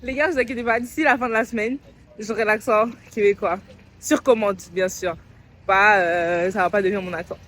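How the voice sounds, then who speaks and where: A woman's voice: mid-range voice, steady tone, fairly quick, a bit bright. A young woman from Belgium in casual vlog chat, talking straight to her viewers. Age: young adult. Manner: chatty, talks straight to viewers. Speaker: vlogger.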